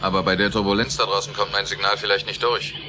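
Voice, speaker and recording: An actor playing a bold, decisive spaceship captain with dry humour in a German radio play. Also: male voice, on the low side, level tone, fast, noisy background, natural voice. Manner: commanding, clipped orders, wry. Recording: music bed under the dialogue.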